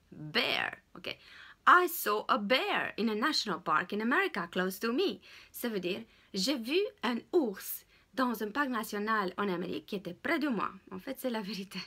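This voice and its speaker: A woman's voice: fairly high pitch, bright, forceful tone. Hesitant woman teaching English. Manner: many hesitations, repeats English words slowly. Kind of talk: casual spoken lesson.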